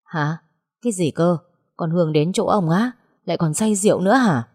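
A woman's voice: lowish voice, normal speed, a little mellow, natural voice. A woman voicing a short-tempered middle-aged father who scolds his family in an audio story. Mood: exasperated. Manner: scolding, gruff.

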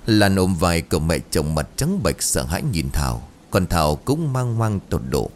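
A man with a very low voice narrates a scripted ghost story, building suspense line by line. His pitch swings widely as he tells it. Faint ambient sound sits behind him. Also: a little mellow, a little hiss or hum. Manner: dramatic, suspenseful telling.

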